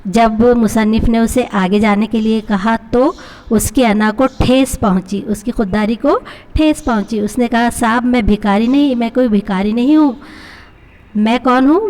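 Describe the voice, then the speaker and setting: A woman's voice: fairly high pitch, a little mellow. A woman teacher with a Pakistani accent, reading a story to her class and explaining each line with questions to her pupils. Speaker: Urdu teacher.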